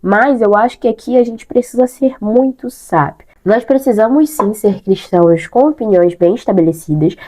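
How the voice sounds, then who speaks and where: A woman's voice: medium pitch, moderate pace, hardly any pauses, mellow. A young Brazilian woman with a stuffy nose and a bad throat from sinusitis, chatting casually to camera and repeating words for emphasis. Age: young adult.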